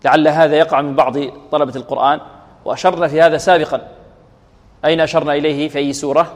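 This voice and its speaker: A man teaching Quran recitation rules, who asks his students questions and answers them himself, and who chants verses slowly as examples. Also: fairly high pitch, level tone. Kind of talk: tajweed lesson with recited examples. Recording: radio broadcast with long reverb.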